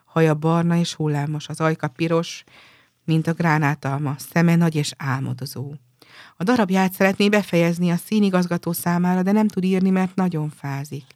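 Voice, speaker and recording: A woman voicing a generous, sorrowful statue prince who gives everything away, in a gentle storybook telling. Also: on the low side, no echo, clean studio sound, close to an everyday voice. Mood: pleading.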